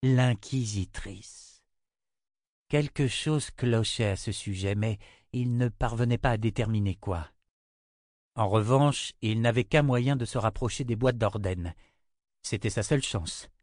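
A man giving a scripted audiobook narration of a novel, in an even, literary reading style. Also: medium pitch, unhurried, dry recording, clean studio sound.

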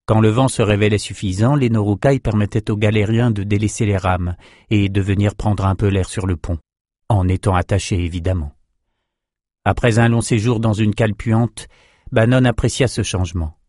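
A man narrating an audiobook in a measured, steady reading style. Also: lowish voice, dry recording, clean studio sound. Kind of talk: scripted narration.

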